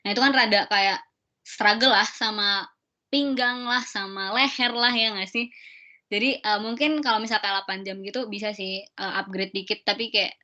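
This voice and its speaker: Over dull, lo-fi video call audio, a young student event host runs a casual Q&A, her explanations full of fillers. Her voice sits at medium pitch with fairly even intonation, normal speed, and a pushed, bright quality.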